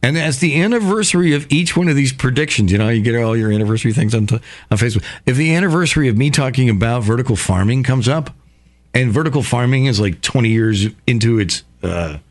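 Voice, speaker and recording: A male radio host talking in a casual monologue, profane, excitable and rambling. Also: mid-range voice, quick pace.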